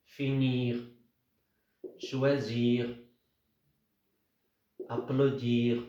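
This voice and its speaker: A man teaching a grammar lesson, speaking slowly, repeating words and spelling out letters. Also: mid-range voice, flat delivery, dark tone. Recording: echoey room, dull lo-fi sound.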